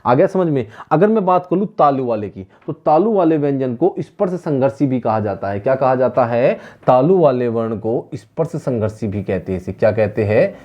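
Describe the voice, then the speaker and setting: A man's voice: medium pitch, animated, lo-fi sound. Man teaching in a drilling lecture style. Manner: drills sounds slowly and repeats questions to students. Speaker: Hindi teacher. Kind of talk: classroom lecture at a whiteboard.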